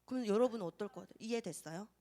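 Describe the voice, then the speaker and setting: A woman's voice: medium pitch, rapid-fire. A young woman teaching a Sunday school Bible lesson to children, asking them questions and acting out little scenes. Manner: lively, asks children questions and acts out scenes.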